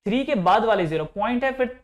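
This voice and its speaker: A man's voice: high-pitched, expressive, fast talker. A young man teaching physics in Hindi with English terms mixed in, explaining step by step and asking his students questions. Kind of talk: classroom lecture.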